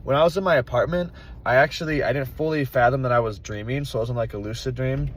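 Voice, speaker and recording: A man's voice: mid-range voice, fast talker. A young adult man casually rambling through his recollections, hesitant and puzzled, with hazy, trailing thoughts. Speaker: vlogger keeping a dream journal. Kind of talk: casual rambling recounting of dreams. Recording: dull audio with loud vehicle-like outdoor noise.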